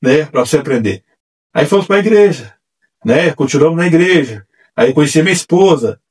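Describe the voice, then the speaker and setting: A man telling his testimony as a church evangelist, animated and acting out the voices he quotes. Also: on the high side, a little fast, husky. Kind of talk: testimony storytelling. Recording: distant mic.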